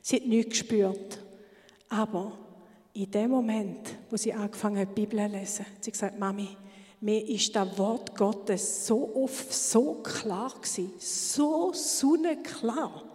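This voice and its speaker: A woman giving a fervent church testimony, sometimes dropping to a hushed whisper for emphasis. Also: medium pitch, measured pace. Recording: long hall reverb.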